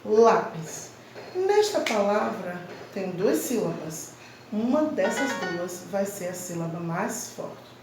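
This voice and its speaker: A woman teacher walks young pupils through a grammar lesson, speaking slowly and leaning hard on each stressed syllable. Her voice sits some way from the mic in a strongly echoing room, with a faint hum of ambience behind it. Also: medium pitch, darkish tone, far from the mic. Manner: slow, clear, emphatic teacherly delivery, stressing syllables. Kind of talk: online Portuguese grammar lesson for children.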